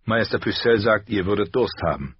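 A man's voice: lowish voice, expressive, fairly quick, husky, dry recording, lo-fi sound. A man voicing an eager, dutiful steward, polite and urgent.

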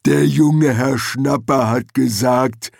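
A man voicing a huge, slow-witted male troll henchman who speaks slowly and loudly. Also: fairly even intonation, gravelly, dry recording, studio quality, heavily acted. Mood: insistent. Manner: slow, loud and rumbling.

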